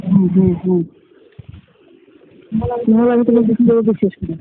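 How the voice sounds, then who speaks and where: A man's voice: high-pitched, fairly even intonation, moderate pace, slight background noise, close to an everyday voice. A man voicing a jealous young college girlfriend who curtly accuses her boyfriend over a tinny phone line. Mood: angry. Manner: sharp, accusing, curt. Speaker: girlfriend in staged phone call. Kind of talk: staged phone-call drama.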